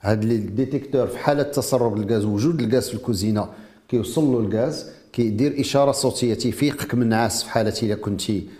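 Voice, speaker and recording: A man with a Moroccan Arabic accent presents a product in an interview. He talks quickly at a middling pitch and drops French technical terms into his explanation. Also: darkish tone.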